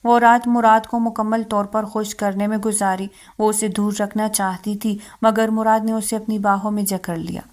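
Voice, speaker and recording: A woman narrating a romance novel in a steady, even reading. Her voice sits at a middle pitch, and she keeps the same measured delivery throughout.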